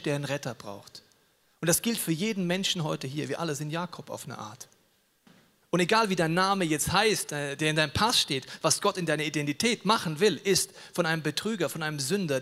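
A man's voice: fairly high pitch, fairly bright tone, long reverb tail. A man preaching an earnest, personal sermon to his congregation as pastor.

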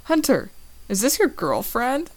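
A woman voicing a warm, playful middle-aged mother who runs a cafe, with a raised, teasing voice. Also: high voice, animated, moderate pace, voice pushed up.

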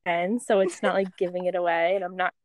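A woman's voice: lowish voice, little pitch movement, quick pace, no room sound. A young woman with a Long Island accent hosting a casual fan quiz, chatty and giggly, full of "like.". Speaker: host. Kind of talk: casual chat, quiz game.

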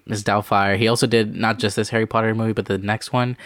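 A man's voice: lowish voice, little pitch movement, fast, a bit bright, no echo, studio quality. Rambling young man hosting a movie chat. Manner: rambling with many fillers, reads out film facts. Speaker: podcast co-host. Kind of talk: casual chat.

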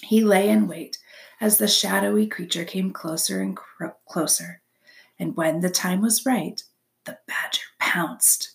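A woman reads a chapter book aloud, expressive and drawing listeners in. She sinks into soft whispers at the tense moments and speaks to the listener directly. Her mid-pitched voice carries a gravelly edge. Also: measured pace. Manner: expressive, drops to soft whispers for suspense, asks listeners questions. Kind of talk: read-aloud storytelling.

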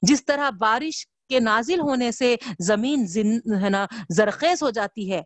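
A woman's voice: on the high side, expressive, no room sound. A woman giving a Quranic commentary lecture, stuffing her speech with a constant tag filler and asking emphatic rhetorical questions. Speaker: religious teacher.

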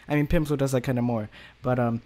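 Male podcast co-host, relaxed rambling talker who laughs often. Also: mid-range voice, fast talker. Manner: chatty, rambling, laughs easily. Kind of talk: casual chat.

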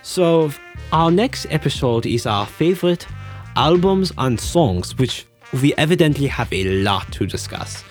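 A young man co-hosting a podcast, joking around in a goofy, excitable way. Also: on the high side, a little slow, faint music behind. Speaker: podcast co-host. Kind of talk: casual podcast chat.

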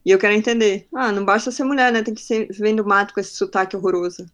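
A woman from northern Brazil, with a faint accent from that region, speaks quickly at a medium pitch with fairly even intonation. She's a podcast guest telling her stories in casual interview chat, acting out the people she quotes.

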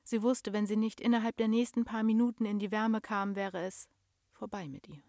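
In clean studio audio with no echo, a young woman narrates a storybook slowly and expressively, her medium-pitched voice sinking to a whisper whenever the story turns tense.

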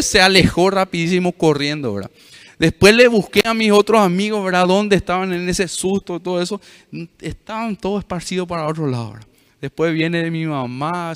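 A man's voice: fairly high pitch, clean tone, long reverb tail. A male pastor preaching to a youth meeting, telling a story with frequent questions to the audience.

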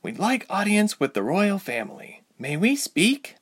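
A man's voice: high voice, very animated, a little slow, a bit bright, slightly rough, pitched above the performer's own voice, full character voice. A cold, determined young mermaid, as a male storyteller puts her on. The voice sits well above his usual register and keeps a firm, pressing tone. It carries the clipped edge of someone pleading a warning. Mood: icy, insistent.

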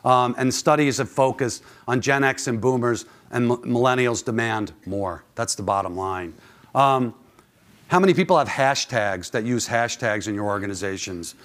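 A man's voice: medium pitch, moderate pace, a bit bright. A man presenting informally to an audience as a conference speaker, conversational and often posing questions to listeners. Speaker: conference speaker, club manager.

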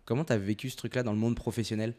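A man's voice: mid-range voice, fairly even intonation, racing, warm tone. A man hosting a podcast, chatting casually in slangy speech and asking his guests questions. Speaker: podcast host.

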